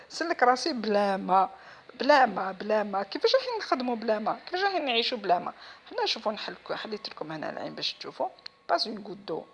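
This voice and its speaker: A woman with an Algerian Arabic accent talks fast in a casual home vlog, her pitch swinging widely. She sounds frustrated and complaining, and she moves back and forth between Arabic and French mid-sentence. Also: sing-song, slightly rough. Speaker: home vlogger.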